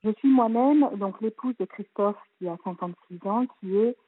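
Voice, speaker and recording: A woman's voice: mid-range voice, normal speed, slightly rough. A woman in her fifties calling a radio advice show, earnest and hesitant, her voice sounding hollow as if talking through a tube on a tinny phone line. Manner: earnest, hesitant, many fillers. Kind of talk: call-in advice talk.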